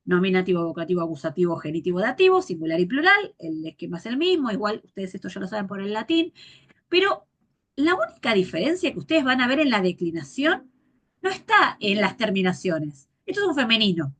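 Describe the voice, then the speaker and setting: A woman teacher gives a grammar lecture, patiently repeating forms slowly and spelling out endings. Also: medium pitch, big pitch swings, fairly bright tone.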